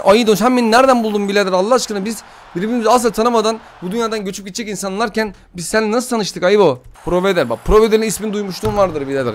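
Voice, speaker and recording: High-pitched, excitable young-sounding man. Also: a little hiss or hum. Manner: loud, swearing, frustrated chanting. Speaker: gamer opening card packs. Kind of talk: excited game commentary.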